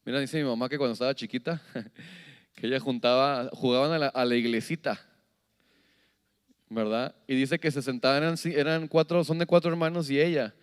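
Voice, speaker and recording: A man preaching a sermon as pastor, animated, asking the congregation questions and acting out little scenes. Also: medium pitch, moderate pace, clean tone. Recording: long hall reverb.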